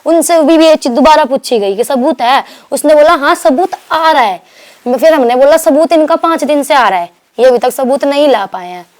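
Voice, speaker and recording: A young woman from Delhi, telling her story to an interviewer in a rambling, animated way, acting out what others said and restarting her sentences. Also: sits high, moderate pace. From Delhi, India. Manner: rambling, animated retelling with quoted dialogue and restarts. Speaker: guest.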